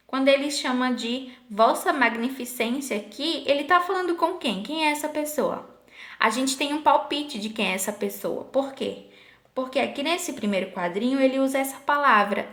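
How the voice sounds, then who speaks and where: A woman teaching a Portuguese lesson, patiently asking her students questions and slowing down to sound out example words. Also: high voice, a bit bright. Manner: patient, asks the class questions, slows to spell out sample words. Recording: echoey room.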